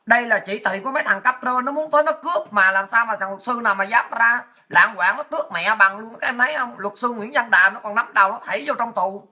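Woman commentator, sharp bright tone, swearing, crude and heated delivery. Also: fairly high pitch. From Vietnam. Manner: blunt, crude, fiery, swears a lot. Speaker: political commentator. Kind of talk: impassioned political rant to viewers.

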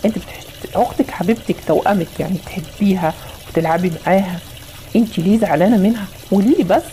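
A woman with an Egyptian accent voicing a gentle, reassuring father in a voiced game story. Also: mid-range voice, fast talker, slight background noise, natural voice. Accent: Egyptian Arabic. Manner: calm, reassuring. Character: gentle father, often away traveling.

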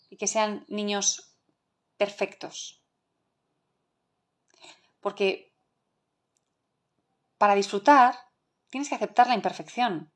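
A middle-aged woman with a Spain Spanish accent leads an online parenting masterclass, her voice pitched in the middle of the usual range for a woman. She speaks earnestly and with emphasis, and keeps asking the audience rhetorical questions. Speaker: parenting educator.

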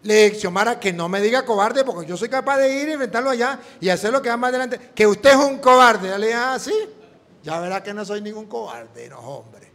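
A priest preaches with a fairly high, animated voice, acting out the dialogue of his story as he goes. His words ring out with a long reverb, as in a big church hall. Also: fast. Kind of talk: sermon with storytelling.

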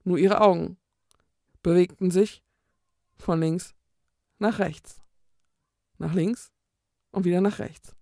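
Brief: woman reading a children's story, slow and gravelly, close dry mic. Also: fairly low pitch, no echo. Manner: calm, measured storytelling. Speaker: storybook reader. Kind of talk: reading a children's book aloud.

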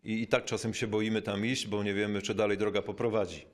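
A man with a fairly low voice gives a reflective spiritual talk. He is thoughtful and unhurried, pausing often and dropping in small fillers, and slows down to stress the key words. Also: little pitch movement. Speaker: bishop giving a spiritual talk. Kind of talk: reflective spoken teaching.

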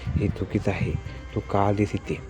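A man's voice: lowish voice, flat delivery, normal speed, over music, lightly acted. A man voicing a nervous, frightened young village husband in a horror story, speaking in a tense, flustered way.

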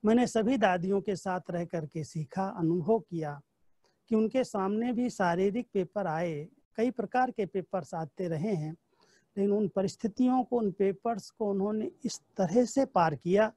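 Man, spiritual teacher. Warm, mellow tone, dry close sound. Relaxed storytelling in a devotional class. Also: sits high, a little slow, no echo. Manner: storytelling, recounting dialogue from memory. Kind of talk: devotional class with personal anecdotes.

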